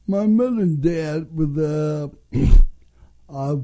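A man of fifty-five with a North Dakota accent, telling his own story as an interview guest in halting, broken phrases. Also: fairly high pitch, mellow. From North Dakota, USA. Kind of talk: radio interview, personal story. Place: radio studio. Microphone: studio microphone.

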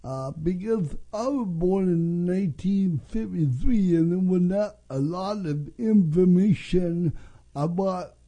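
A man in his fifties with a North Dakota accent speaks in a high, very dark and soft-edged voice. He is a radio interview guest telling a personal story, and his phrases come slowly and haltingly. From North Dakota, USA. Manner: halting, broken phrasing with restarts. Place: radio studio. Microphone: studio microphone.

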